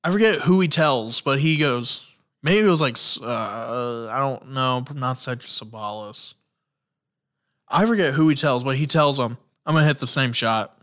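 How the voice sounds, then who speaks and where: Guy doing his own sports podcast, super excited, keeps restarting sentences, lots of likes and uhs. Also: mid-range voice, unhurried. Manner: excitable, rambling, many restarts and fillers; enthusiastic storytelling. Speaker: podcast host. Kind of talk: casual solo sports podcast.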